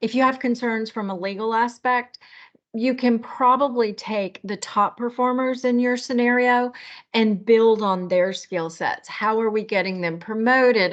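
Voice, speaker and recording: A woman talking through a work issue in a casual meeting, thoughtful and measured, with the hiccups. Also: medium pitch. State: has the hiccups. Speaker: manager in a work discussion. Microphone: video call. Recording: dull lo-fi meeting call.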